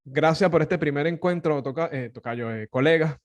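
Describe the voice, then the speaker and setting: A man from Venezuela with a Caracas Venezuelan Spanish accent, hosting a podcast in casual conversation, animated and laughing often, with many fillers and restarts. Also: fairly high pitch, moderate pace, muffled recording. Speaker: podcast host.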